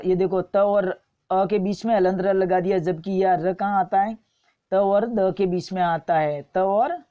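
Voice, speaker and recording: Dark-voiced woman teaching grammar. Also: medium pitch, highs cut off. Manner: explains patiently, repeating each wrong and right form, checks with "ठीक है". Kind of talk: exam-prep spelling lesson.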